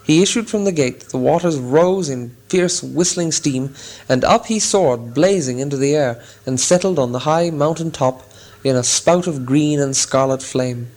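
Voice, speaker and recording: A man narrating a fantasy story aloud in a measured, expressive storytelling style. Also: medium pitch. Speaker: audiobook narrator. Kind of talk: scripted narration.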